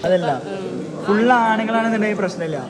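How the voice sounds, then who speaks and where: High-pitched Kerala man mixing in English words. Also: fairly quick. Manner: mixes Malayalam with English words. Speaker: amateur vlogger. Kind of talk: casual vlog chat with friends. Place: outdoors on a trip. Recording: loud crowd and outdoor traffic noise.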